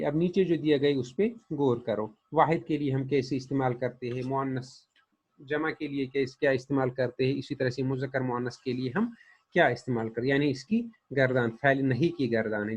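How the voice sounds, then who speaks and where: A man's voice: mid-range voice, slightly rough, highs cut off. A man teaching grammar patiently, saying each example and then translating it. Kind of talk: explaining a lesson.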